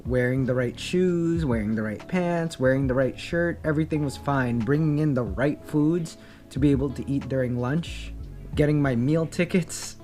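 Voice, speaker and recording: A man's voice: mid-range voice, warm tone. A young man telling a candid personal story, reflective and earnest, with many fillers and restarts. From Philippines. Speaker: vlogger.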